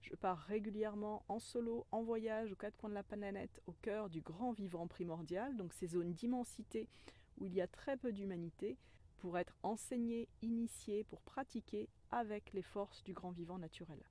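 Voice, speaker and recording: A woman who works as a spiritual guide tells a personal story in a gentle, earnest manner. Her voice is warm and mellow, pitched in an ordinary middle range. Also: normal speed. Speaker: spiritual guide, self-described medicine woman.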